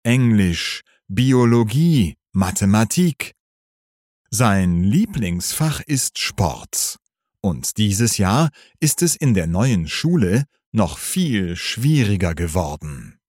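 A man narrating a graded story for language learners, reading slowly, clearly and deliberately. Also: fairly low pitch, sing-song, darkish tone, no room sound, studio quality.

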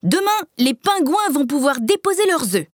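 A woman's voice: sits high, sing-song, moderate pace, no room sound, studio quality, pitched above the performer's own voice. A woman voicing a short, plump, cheerful uncle with a big beard in a children's storybook reading.

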